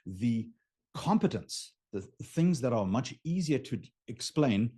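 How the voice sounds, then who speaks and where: A native German speaker with a husky, mellow, medium-pitched voice teaches business informally and emphatically, without a script, frequently checking in with the listener. His delivery is sing-song and a little slow. He's a business coach hosting a live session, illustrating his points with drawings as he goes.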